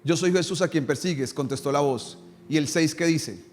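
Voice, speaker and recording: A man's voice: moderate pace, a little hiss or hum. Preaching man in an echoing hall. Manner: preaches with rhetorical questions, dropping low and quiet on quoted prayers. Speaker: pastor. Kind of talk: sermon. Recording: long reverb in a church hall.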